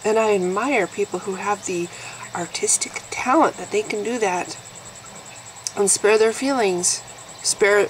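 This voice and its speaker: A nasal-voiced woman in her fifties vlogs to camera with blunt, sarcastic candor. Her pitch rises and dips in big, lively swings as she talks. A faint background hum sits under her voice. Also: poor audio. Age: 50s. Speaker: YouTube vlogger. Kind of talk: candid talking-to-camera vlog.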